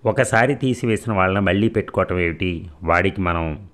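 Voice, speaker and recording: A man's voice: deep voice, fairly quick, fairly bright tone. A man reading the lines of a stern, proud mother who scolds curtly. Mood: curt, scolding. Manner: curt and scolding. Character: stern proud middle-aged mother, sharp-tongued.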